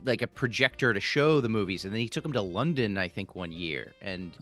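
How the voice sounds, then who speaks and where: A man co-hosting a laid-back podcast, talking in a bright, forceful voice. His pitch swings widely as he rambles and restarts, cracking jokes along the way. Faint music runs underneath. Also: fairly quick. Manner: animated, jokey, rambling with restarts. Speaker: podcast co-host. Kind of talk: casual chat.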